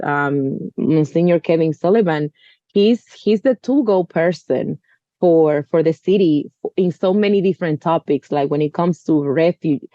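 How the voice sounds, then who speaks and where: A woman in her thirties from the Dominican Republic speaks earnestly as a guest in a conversational interview, frequently saying "you know." Her voice is deep and mellow, and the recording is dry with the high frequencies cut off.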